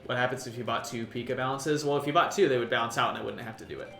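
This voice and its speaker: A man's voice: medium pitch, steady tone, very fast, creaky, fairly bright tone. A man streaming a racing game, chatting casually, swearing and laughing with friends. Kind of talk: casual gaming stream chat. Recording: roomy sound with game music.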